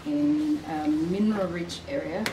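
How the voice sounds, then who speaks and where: A woman in her thirties from Uganda, a guest telling her life story in a relaxed, chatty way. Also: lowish voice, unhurried. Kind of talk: casual interview conversation. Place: outdoor garden patio. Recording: echoey with clear background noise.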